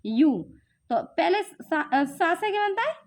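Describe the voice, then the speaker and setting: Young woman, high voice, patient teacher, stretches syllables, coaxing questions for a child. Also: sing-song, slow. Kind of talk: home spelling lesson for children.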